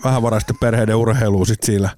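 Tell it as a man hosting a casual talk show, animated and full of impressions, with a slightly sore throat. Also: on the low side. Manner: animated, mimics voices and echoes in his stories. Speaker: podcast host. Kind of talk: casual chat, storytelling. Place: studio.

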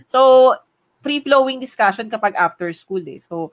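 A man explaining things in a relaxed, conversational way. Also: very high-pitched, measured pace. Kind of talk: casual chat.

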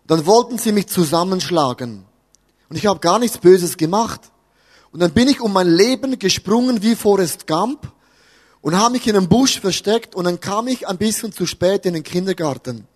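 Preacher, male, high voice, playful storyteller, live in a reverberant hall. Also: expressive, moderate pace. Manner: humorous, talks to the audience with questions. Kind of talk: lively sermon with stories. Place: church hall with audience.

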